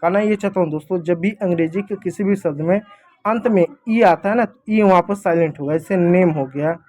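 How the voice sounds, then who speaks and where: A man's voice: high-pitched, fairly quick, a little mellow. A man teaching a simple lesson in a casual classroom manner, explaining step by step and checking in with "thik hai" often.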